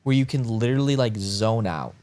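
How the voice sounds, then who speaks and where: A man in his early twenties co-hosts a podcast, chatting casually in a rambling, laid-back way with lots of filler words. His medium-pitched, darkish voice is lively and fairly quick.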